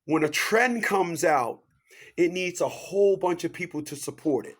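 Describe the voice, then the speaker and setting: Here a man in his 50s gives a sermon-like motivational talk, asking questions he doesn't expect answered and repeating signature phrases. He is animated and keeps a moderate pace, jumping from high, loud bursts down to hushed remarks.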